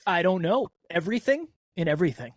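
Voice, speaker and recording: A woman's voice: on the low side, lively intonation, quick pace, no echo, studio quality. A woman in casual chat, giving short agreeing replies and thinking aloud.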